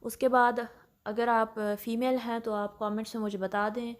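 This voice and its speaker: A woman's voice: on the high side, level tone, moderate pace. Patient woman teaching recitation rules. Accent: Pakistani Urdu. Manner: patient, explanatory, mixes English terms, checks in often with "okay?". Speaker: tajweed teacher. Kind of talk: step-by-step recitation lesson.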